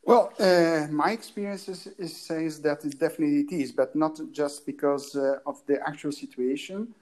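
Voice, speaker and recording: A man who grew up in Italy co-hosts a casual podcast chat, speaking hesitantly and often restarting as he searches for words. His voice is a little high and a little mellow, at a moderate pace.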